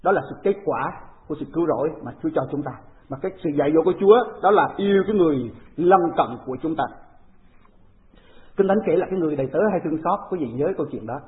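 A woman's voice: sits low, racing. A woman delivers a sermon, telling stories with animation and putting rhetorical questions to her listeners. The sound is narrow and tinny, like a phone line. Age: 40s. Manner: animated storytelling preaching with rhetorical questions to the congregation. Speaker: preacher.

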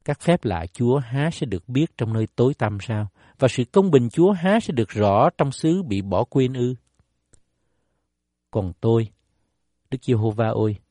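A man giving a measured, formal scripted reading of scripture. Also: mid-range voice, dark tone, no echo, studio quality. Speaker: scripture reader.

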